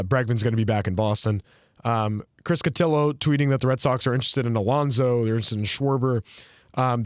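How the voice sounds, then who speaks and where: A man hosts a casual sports podcast and talks in a loose, rambling way full of fillers and restarts. His voice sits at a middling pitch. The sound is dry and close, with no room around it. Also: no echo. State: hiccuping. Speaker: podcast host.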